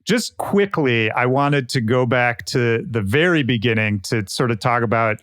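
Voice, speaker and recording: A man's voice: mid-range voice, lively intonation, normal speed, a bit bright, dry recording. A male podcast host with a mid-range voice, chatty and upbeat as he steers the conversation. He winds through his questions with plenty of asides. The recording is close and dry. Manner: enthusiastic, chatty, rambling questions. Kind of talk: casual interview chat.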